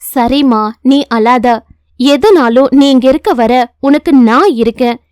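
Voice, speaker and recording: A warm, motherly village woman in her thirties, as a woman puts her on for a storybook reading. Her voice sits lower and softer, soothing and patient, with a steady firmness underneath. The sound is close and dry, with no room in it. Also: unhurried, dry recording. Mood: gentle. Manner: gentle and soothing, firm with others.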